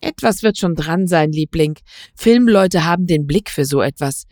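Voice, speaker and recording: A woman reading aloud voices a brisk, sharp-tongued wife who scolds and urges her husband along. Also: expressive, no room sound, studio quality. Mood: persuading. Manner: brisk, scolding, higher pitched.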